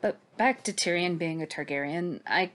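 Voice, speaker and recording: As a podcast co-host recapping books, this woman has a fairly low, a bit bright voice and a moderate pace. Her discussion sounds scripted, and she is casual, sweary, sarcastic and emphatic.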